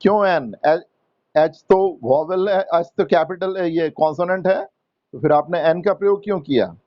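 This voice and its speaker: A man teaching English grammar to students, slow and patient, repeating words and quizzing the class. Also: sits high, no echo, dull audio. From India. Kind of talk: Hindi-English grammar lesson.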